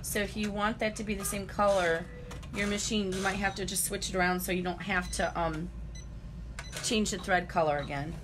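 A woman's voice: medium pitch, steady tone, normal speed, noisy background. A woman giving a chatty live-stream embroidery demonstration, greeting viewers and talking through each step as she works.

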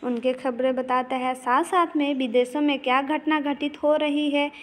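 A woman teacher explaining a children's poem line by line. She talks patiently, reads the verse slowly, and keeps checking with "है ना". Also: sits high, fairly even intonation, rough recording. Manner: slow, patient explaining with many fillers and "है ना" checks; reads the verse lines slowly and recites them. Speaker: Hindi teacher.

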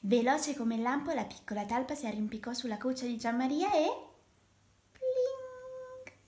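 A woman reading a children's picture book aloud, telling the story in a gentle, unhurried way. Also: fairly high pitch. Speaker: storybook reader. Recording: echoey room.

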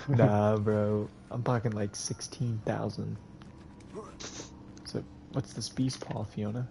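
A man's voice: lowish voice, flat delivery, slow, gravelly, mellow, a little hiss or hum. A man streaming a video game, casually chatting, joking, laughing often and swearing. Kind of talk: casual live-stream chat.

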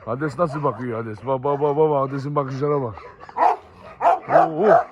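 A man filming a casual farm vlog, chatting to viewers while calling and calming his dogs outdoors. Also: medium pitch, normal speed, lo-fi sound, heavy background noise.

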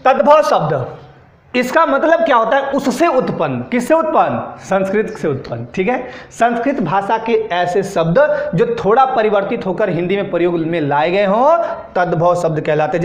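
A man with a high-pitched voice teaches an exam-prep grammar class. He dictates word pairs and keeps checking in with students through short tag questions. He sounds like he is in a room with plenty of echo. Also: animated, moderate pace. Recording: echoey room.

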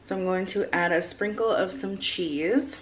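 Cooking in her own kitchen, a vlogger in her thirties casually walks viewers through a recipe in a voice on the low side at a moderate pace. The sizzle of frying and the sound of stirring are clearly captured.

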